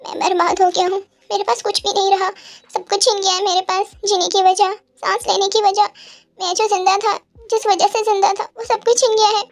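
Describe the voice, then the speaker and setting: A woman's voice: very high-pitched, flat delivery, brisk. A woman voicing a heartbroken young mafia boss man who cries as he talks, in a Hindi audio story. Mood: despairing. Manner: tearful, pleading delivery.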